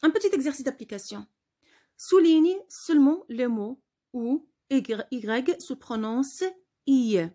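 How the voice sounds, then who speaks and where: A woman teacher giving a spelling lesson, patiently repeating words slowly for her pupils. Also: sits high, warm tone.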